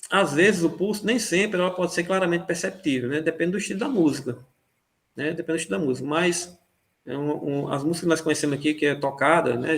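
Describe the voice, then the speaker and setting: A man with a fairly high voice teaches an online music class. He explains slowly and loosely, with many fillers, restarts and little checks on whether everyone follows.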